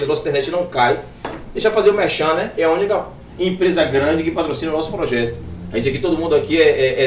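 Brief: Bahian man, quick upbeat podcast host, slightly high voice, echoey room, distant mic. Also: slight background noise. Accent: Bahian Portuguese. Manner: upbeat, teasing, coaxing guests. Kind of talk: casual chat.

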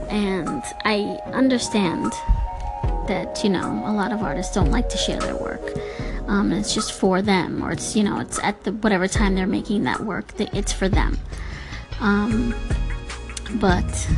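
Female personal vlogger, mid-range voice, thoughtful and halting, talking casually over clear background music. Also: mid-range voice. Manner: halting, thoughtful, searching for words. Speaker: host of a personal audio vlog. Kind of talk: reflective casual monologue.

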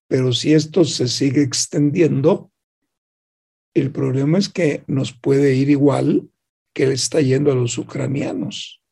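A man's voice: on the high side, vocal fry, mellow, slightly rough. A man hosts a reflective radio talk, retelling a news story and voicing both sides of its dialogue. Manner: asks rhetorical questions of the listener. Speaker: radio program host.

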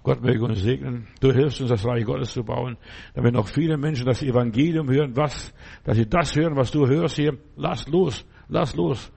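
A man's voice: medium pitch, brisk, creaky, dark tone, slightly rough. A man preaching a sermon, pressing his listeners with urgent, repeated exhortations.

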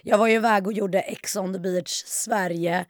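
A woman in her twenties with a mid-range voice appears as a podcast guest; she's a YouTuber. She tells stories in animated, casual chat, acting out what people said with a raised voice, and the studio-quality recording is dry.

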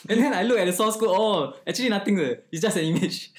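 A podcast co-host with a Singaporean accent banters casually in Singlish, using clipped grammar and ending sentences with particles like lah and ah. The voice sits at medium pitch and moves fast, with a little hiss or hum in the background.

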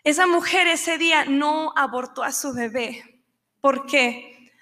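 A woman's voice: high voice, slow pace, bright, forceful tone. A woman preaching a sermon, telling a story with passion and acting out the people in it. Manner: impassioned, acts out quoted voices.

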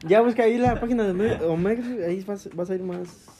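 A young man with a Mexican accent, joking and firing quick questions at his friends. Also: high-pitched, a crowd in the background. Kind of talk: casual chat.

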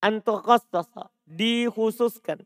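Male religious teacher, high voice, dry close sound, drills students on Arabic grammar. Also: slow pace, no echo. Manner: quizzing students with repeated questions; mixes Arabic terms with Indonesian explanation. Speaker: Islamic studies teacher. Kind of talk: classroom lesson on Arabic grammar.

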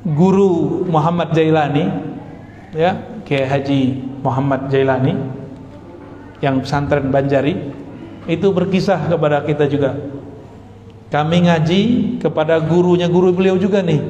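A man's voice: on the high side, unhurried, pauses often, warm tone, dull audio, slight background noise. A man giving a religious lecture as a preacher, telling stories with animation and putting questions to his audience. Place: hall with long reverb. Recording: echoey hall, faint background ambience.

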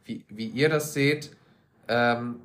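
A man's voice: mid-range voice, slow pace. A young man co-hosting a podcast, crude, joking and teasing in casual chat. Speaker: podcast co-host.

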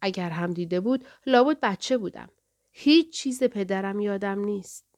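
A woman's voice: medium pitch, darkish tone, natural voice. A woman voicing a frail, pale young boy who asks plaintive questions in an audiobook.

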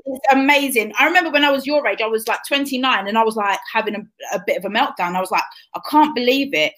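A woman in her thirties with a London accent hosts a relaxed interview, her voice sitting high. She talks chattily and encouragingly to her guest. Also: fast talker. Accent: London English. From England. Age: 30s. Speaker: host. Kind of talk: casual interview chat.

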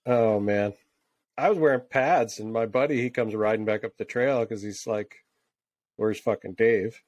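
A man's voice: medium pitch, normal speed, a little mellow, dry recording. A man co-hosting a casual podcast chat, laid-back and laughing often, swearing freely. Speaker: podcast co-host, tattoo artist.

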